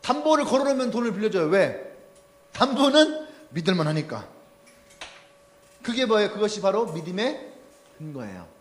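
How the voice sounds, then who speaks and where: Man, pastor, sermon, high lively voice, echoey church hall with long reverb. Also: normal speed, pauses often. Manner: animated, acts out quoted people with shouts and laughs. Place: church sanctuary.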